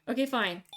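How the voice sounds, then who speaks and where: Streamer, woman, slightly high voice, anxious and indecisive, commentating her own play. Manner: anxious, dithering over choices. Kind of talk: game let's play commentary.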